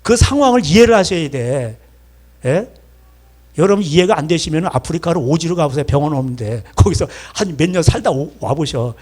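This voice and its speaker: A middle-aged male pastor delivers a sermon in a high, lively voice. He keeps turning to the congregation with rhetorical questions and slips into acted voices to make his point. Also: a little fast, slightly rough.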